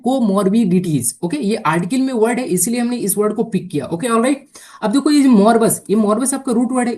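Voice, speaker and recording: A woman teaching English vocabulary for exams, explaining patiently in Hindi mixed with English and often asking whether it is clear. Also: mid-range voice, mellow. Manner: mixes Hindi explanation with English words and sentences. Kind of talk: exam-prep vocabulary lesson.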